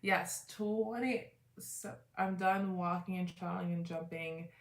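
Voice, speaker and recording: A woman's voice: fairly low pitch, fairly even intonation, slow pace, roomy sound. A woman in her twenties hosting a casual livestream, chatty and rambling, greeting viewers by name. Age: 20s. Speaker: livestream host. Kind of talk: casual live chat with viewers.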